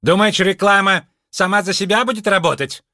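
A man voicing a furious middle-aged shopkeeper woman in an audiobook, scolding loudly. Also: mid-range voice, brisk, no room sound, clean studio sound, voice pushed up, close to an everyday voice. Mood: angry. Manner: shouting, scolding. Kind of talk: audiobook character voice.

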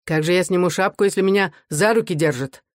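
A reader voicing a surly young worker who shouts back rudely. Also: mid-range voice, fast, no room sound, clean studio sound, lightly acted. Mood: defiant. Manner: rude, shouting.

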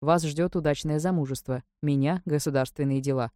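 A woman's voice: deep voice, brisk, dark tone, dry recording, studio quality, natural voice. A woman reading the lines of a cold, stern male ruler who speaks curtly and will not yield. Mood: cool. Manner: cold, curt, commanding.

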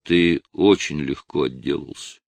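A man reading an audiobook voices a gruff police officer who gives curt, brisk instructions. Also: rumbling low, a little mellow, no echo, voice pushed down, exaggerated voice.

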